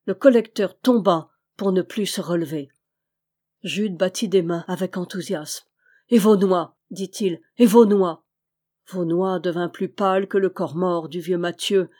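A woman narrating a classic adventure novel in a measured, dramatic reading. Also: fairly low pitch, a little mellow. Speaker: reader.

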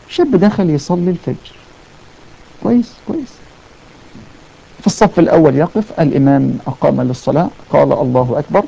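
A man's voice: a little high, creaky, dark tone. A man with an Egyptian accent preaching in colloquial Arabic, telling stories with emphatic repetitions and taking callers. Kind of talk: fervent colloquial sermon. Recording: dull lo-fi audio.

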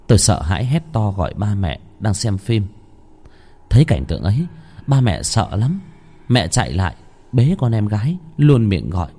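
A man's voice: lowish voice, mellow, slightly rough. A man narrating a ghost story in a dramatic, suspenseful manner.

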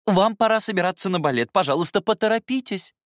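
A man's voice: high voice, animated, fast, no room sound, clean studio sound, voice pushed up. A man voicing a prim, strict woman housekeeper who talks in a formal, reproachful, fussy way. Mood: fussy scolding.

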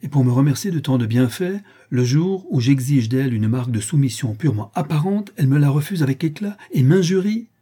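A man's voice: mid-range voice, moderate pace, mellow, slightly rough, natural voice. A man reading an audiobook and voicing a haughty older aristocratic countess who scolds and commands. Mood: bitter, ironic.

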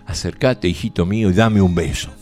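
Guy doing an old dad giving a blessing, slow and grave, low music behind. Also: a little mellow, lightly acted. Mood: solemn. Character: old blind father giving a solemn blessing.

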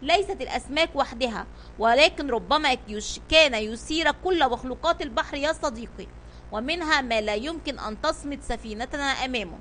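A woman's voice: sits high, fairly quick, a bit bright, slight background noise. Storybook sea captain, male, commanding and tense, voiced by a woman. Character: brave male sea captain, calm leader.

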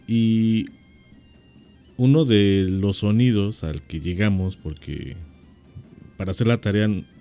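Man, Mexican accent, radio co-host, low warm voice, reflective, hesitant fillers, faint music behind. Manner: reflective, with frequent "eh" pauses and restarts. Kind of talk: radio panel discussion. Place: radio studio.

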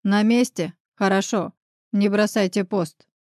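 A woman voicing a calm, stern man who speaks curtly in an audiobook. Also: medium pitch, unhurried, no room sound, studio quality, lightly acted.

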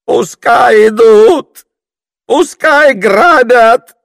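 A man voicing a panicky old male tobacco grower in an audiobook, high and strained, shouting. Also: extremely slow, vocal fry, no echo, clean studio sound, heavily acted. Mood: frantic. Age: older.

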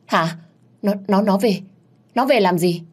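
A woman's voice: medium pitch, measured pace, husky, pitched above the performer's own voice. A woman doing a stammering, terrified guilty woman. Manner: stammering, panicky shrieks. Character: frightened guilty scheming woman, middle-aged.

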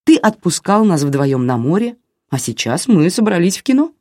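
Reader playing a bold, self-assured young woman, calm and firm, with a lively, sly lilt. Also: mid-range voice, moderate pace, no room sound, studio quality. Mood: teasing. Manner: calm, firm commands and light teasing.

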